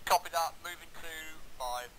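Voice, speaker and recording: A man's voice: on the high side, normal speed. A man acting as squad leader, giving clipped commands in military radio procedure over an in-game radio transmission. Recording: radio with loud noise and clicks.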